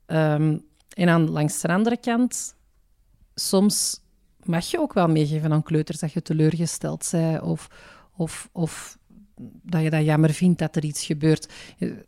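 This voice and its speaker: A woman weighs both sides thoughtfully on a panel, pausing now and then. Her voice is low and mellow, and the sound is dry and close. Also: no room sound. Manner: thoughtful, hesitant. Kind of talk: reflective panel discussion.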